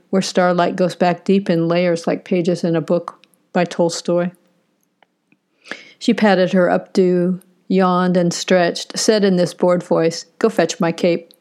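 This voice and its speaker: A woman's voice: on the low side, a little mellow, clear, resonant tone. A woman telling a first-person story in a wry, reflective spoken-word style.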